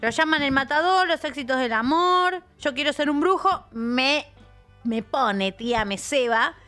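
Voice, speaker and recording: A woman's voice: high-pitched, lively intonation, measured pace, bright, forceful tone, soft background music. A woman with an Argentine accent co-hosting a casual comedic radio chat, playful and jokey. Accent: Argentine Spanish. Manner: playful, jokey, reads list aloud. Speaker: radio show co-host.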